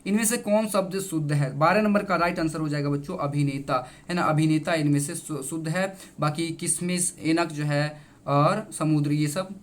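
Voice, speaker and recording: A man's voice: fairly high pitch, normal speed. A male teacher explaining exam answers. He repeats each answer and keeps addressing his students, in an emphatic, reassuring way.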